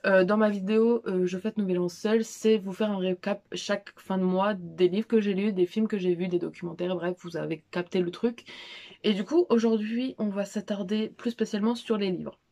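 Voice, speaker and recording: A woman's voice: mid-range voice, fairly even intonation, normal speed, dark tone. A young woman chatting casually about her monthly reads in a vlog, informal and slangy, with many fillers, restarts and self-deprecating asides. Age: young adult. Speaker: book vlogger. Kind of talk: casual monthly reading recap.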